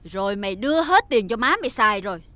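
A woman's voice: lively intonation, fast talker, sharp tone, dry recording. An actress with a Southern Vietnamese accent playing a wealthy mother who dotes on her son but scolds his friend sharply. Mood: furious. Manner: shrill and scolding. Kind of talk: TV drama acting.

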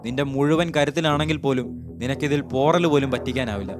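A man's voice: mid-range voice, quick pace, close to an everyday voice. A man reading as an arrogant fish-man pirate boss. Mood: scornful. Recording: voice-over with clear music behind.

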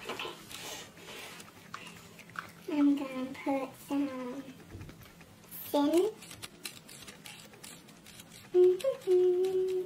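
Squeaky chipmunk-voiced vlogger, helium high. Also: very slow, long pauses, mellow. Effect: chipmunk pitch-up filter. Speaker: beauty vlogger. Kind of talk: casual chat while doing a makeup challenge.

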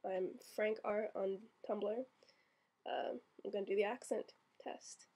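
A woman's voice: medium pitch, steady tone, measured pace, vocal fry, mellow, slightly rough. A woman in her twenties from Florida, chatting casually in a vlog, with lots of ums as she reads out a word list. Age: 20s. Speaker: vlogger. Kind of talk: casual accent-tag vlog.

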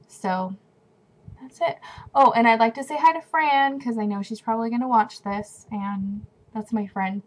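A woman's voice: fairly high pitch, normal speed, low-quality recording. A young woman from California, chatting into a webcam at home with a runny nose, rambling with lots of fillers and restarts. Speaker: vlogger. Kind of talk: casual talking-to-camera vlog. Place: at home indoors.

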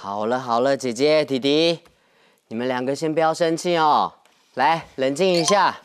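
A young man playing a gentle, patient father in a children's TV sitcom, speaking in a soothing, deliberate way. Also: medium pitch, clean tone, soft background music, lightly acted. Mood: calmly firm. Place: TV studio set.

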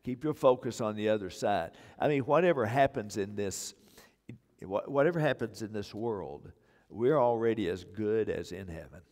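At a moderate pace, an older man delivers a sermon as pastor in a lowish, slightly mellow voice. He's indoors on a church sanctuary stage with a wireless mic, reinforcing points through repetition, with a church hall's long reverb in the recording.

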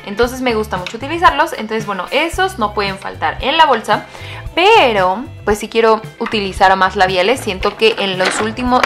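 A young woman in her twenties talks casually to camera as a beauty vlogger, her voice sitting fairly high. She gushes and rambles with plenty of fillers and restarts. Soft music plays faintly beneath her. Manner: chatty, gushing, lots of fillers and restarts. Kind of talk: casual makeup chat to camera.

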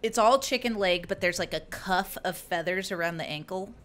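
A woman's voice: fairly low pitch, moderate pace, a bit bright. A young woman co-hosting a casual podcast chat, giggly and full of fillers, slipping into mock voices for jokes. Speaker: podcast co-host. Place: lives in Buffalo, New York.

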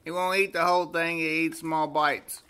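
Indoors at home, moving between a hallway and a carpeted room, a pet vlogger holds a phone or camera and talks casually to the lens and his dog, coaxing it with simple repeated questions. His voice is on the high side, bright and forceful, with a flat delivery at normal speed. It's a noisy amateur home recording.

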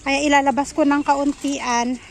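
A woman's voice: sits high, little pitch movement, measured pace, creaky, a little mellow, a little hiss or hum, rough recording. A woman vlogging casually at home, chatting and mixing English phrases into her talk. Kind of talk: casual home vlog narration.

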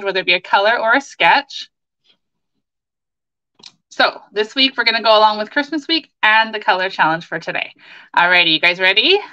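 A Canadian woman in her forties runs a laid-back crafting livestream, chatting with lively enthusiasm as she demonstrates. Her voice sits fairly high and sounds very bright. The audio is a little dull, like a webcam mic picking her up in a small home office.

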